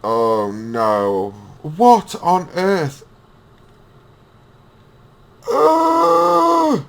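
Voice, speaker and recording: A man's voice: mid-range voice, animated, unhurried. A man hosting a reaction video, mocking and swearing as he rants. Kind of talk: ranting reaction commentary.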